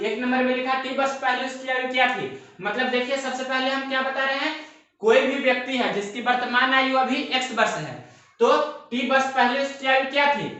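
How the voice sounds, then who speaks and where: A young adult man teaches an exam-prep math lesson step by step, repeating himself often and asking rhetorical questions. His very high voice is pushed and bright, though the audio is dull, and the room is very echoey.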